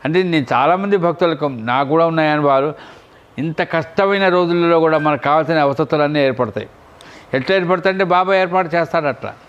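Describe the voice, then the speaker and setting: Higher-voiced man telling a devotional story. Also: quick pace, clean tone, highs cut off. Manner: retelling a saint's story with voiced quotes and questions to listeners. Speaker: religious storyteller. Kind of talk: devotional discourse.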